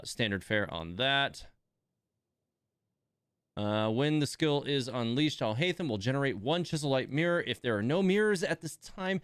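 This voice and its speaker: This livestream host thinks aloud on a casual gaming stream, reading game text and tossing in asides. His mid-range voice is smooth and a bit bright, captured in a clean studio with no room sound.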